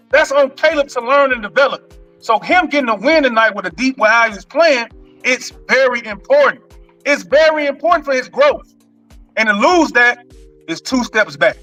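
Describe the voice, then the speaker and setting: A podcast host with a high, bright voice talks through a tough loss in a casual, earnest way. He circles back on his points, and soft music plays in the background. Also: lively intonation, brisk, rough recording. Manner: earnest, repetitive, conversational. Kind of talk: casual sports podcast chat.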